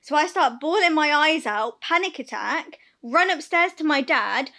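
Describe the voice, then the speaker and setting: A woman, co-hosting a chatty podcast and telling stories in an animated way. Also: high-pitched, normal speed. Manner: animated storytelling, laughing and acting out scenes. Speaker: podcast co-host. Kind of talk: casual chat.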